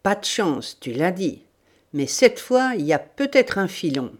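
A woman's voice: on the low side, big pitch swings, measured pace. A woman doing a raging brutal bandit. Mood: growling. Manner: shouting, threatening.

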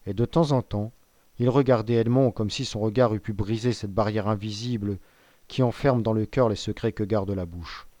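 A man narrating a classic novel in a measured, composed way. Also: fairly low pitch, fairly even intonation, mellow, no echo. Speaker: audiobook reader. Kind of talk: scripted literary narration.

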